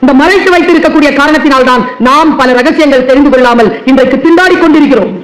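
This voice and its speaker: Woman teacher on stage, high voice, animated storyteller, hall echo. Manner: lively storytelling, speaks straight to the crowd. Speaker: teacher giving a public talk. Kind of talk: public speech at a book fair. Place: large hall at a book fair.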